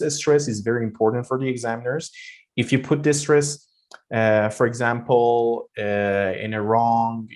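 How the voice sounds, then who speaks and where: A young man teaching English pronunciation, demonstrating stressed syllables with exaggerated emphasis and frequent fillers. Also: medium pitch. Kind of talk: explaining pronunciation lesson.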